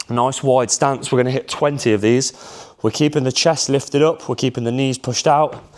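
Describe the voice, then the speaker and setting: A man coaching a workout, a little out of breath, upbeat and counting reps. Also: mid-range voice. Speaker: fitness coach. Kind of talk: workout instruction. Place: outdoors in a hot holiday spot.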